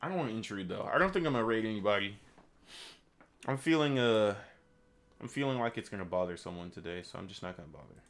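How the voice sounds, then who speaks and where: A man's voice: fairly low pitch, fast. A man streaming his game development, talking casually to viewers and thinking aloud as he works. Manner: relaxed, thinking aloud, chatty asides to viewers. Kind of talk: casual live-stream chat.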